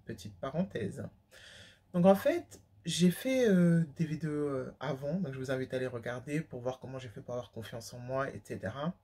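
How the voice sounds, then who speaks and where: A woman's voice: extremely low pitch, lively intonation, moderate pace, dark tone, slightly rough. A young woman from France talking candidly to her viewers in a casual vlog, emphatic and full of slang and fillers. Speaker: vlogger. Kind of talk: casual talk to camera.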